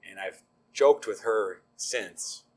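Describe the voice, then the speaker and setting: Speaking slowly in a fairly low, somewhat mellow voice, a middle-aged deacon tells his faith story as a guest. The tone is easygoing and self-deprecating, full of ums, and there's slight background noise.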